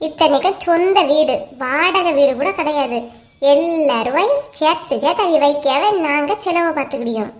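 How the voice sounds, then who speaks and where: Brief: woman doing a very high, whiny cartoon sister-in-law, Kanyakumari Tamil accent, airs her grievances item by item. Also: expressive, normal speed. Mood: aggrieved. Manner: complaining, listing grievances. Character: grumbling middle-aged woman, sister-in-law, resentful. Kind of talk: cartoon story voice acting.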